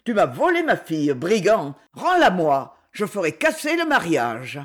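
A man's voice: sits high, huge pitch swings, a little slow, heavily acted. A man voicing a fearful, grumbling old male chiseler, exasperated in a storybook reading.

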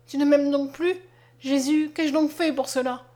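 Tearful, pleading young peasant girl for a storybook reading, as a woman reads her; high, ringing voice. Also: level tone, normal speed, a little mellow, close to an everyday voice. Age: young adult. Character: devoted nineteen-year-old peasant girl, passionate. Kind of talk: audiobook character reading.

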